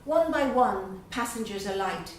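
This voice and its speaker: A middle-aged guest poet from Dublin, Ireland, gives a poetry reading at a literary evening, captured far from the mic in a very echoey event room with a little hiss or hum. Her medium-pitched, expressive voice reads slowly and measuredly with pauses, then turns loose, chatty and hesitant between poems.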